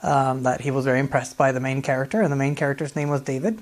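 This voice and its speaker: A man, answering interview questions in a friendly, relaxed way, often laughing and pausing with fillers. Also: mid-range voice. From Norway. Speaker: guest, dance artist.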